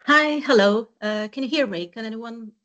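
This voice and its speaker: A woman's voice: a little high, normal speed, a bit bright. A Czech woman speaking English with a Czech accent, a pediatric doctor asking polite, eager questions with small restarts. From Czech Republic.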